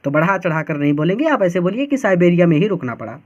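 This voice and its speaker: A man's voice: high voice, very animated, darkish tone, highs cut off. A man teaching a class lesson, explaining line by line, breaking each sentence into single words and often checking that students follow. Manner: slow, word-by-word explaining with frequent checks.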